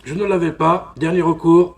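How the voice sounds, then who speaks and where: Man from France, casual unboxing vlogger, gravelly, rambling, filler-heavy delivery. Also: a little high, steady tone, normal speed. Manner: chatty, rambling, constantly saying voilà. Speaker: film collector vlogger.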